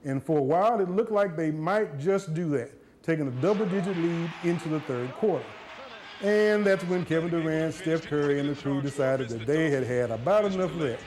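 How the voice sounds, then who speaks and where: A man's voice: on the high side, moderate pace, noisy background. A young man delivering a sports report for a student news show, wry and joking.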